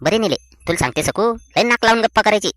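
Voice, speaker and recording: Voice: medium pitch, expressive, quick pace, a bit bright, no echo, lightly acted. An actor voicing a chatty village woman neighbour. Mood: scornful. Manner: chatty, scornful gossip. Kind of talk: cartoon voice acting.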